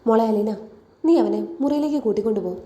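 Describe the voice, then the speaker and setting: A woman voicing a gentle, apologetic middle-aged father who talks in a quiet way in an echoey room. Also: on the high side, fast talker, lightly acted. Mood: subdued.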